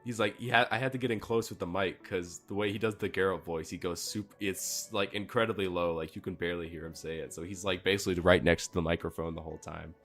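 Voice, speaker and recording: A man co-hosting a podcast, talking casually with halting, stammered starts. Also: low-pitched, steady tone, fairly bright tone, soft background music. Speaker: podcast co-host.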